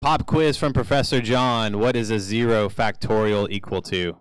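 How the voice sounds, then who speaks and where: Over the PA at a live bike race, a Kentucky announcer speaks at a moderate pace in a lowish, very clear and ringing voice, with a dry, close sound and no echo. He blends race calls with light jokes and playful asides, keeping things relaxed.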